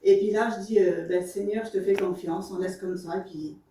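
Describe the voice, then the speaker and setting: A woman's voice: mid-range voice, steady tone, moderate pace, mellow, a little hiss or hum. A woman giving a spoken church testimony, telling her story with emotion and many fillers. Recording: echoey room, far from the mic.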